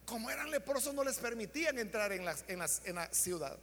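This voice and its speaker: High, bright-voiced preacher man in a hall. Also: lively intonation, a little fast, slight background noise. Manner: dramatic, shouts out the characters' lines. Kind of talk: sermon storytelling.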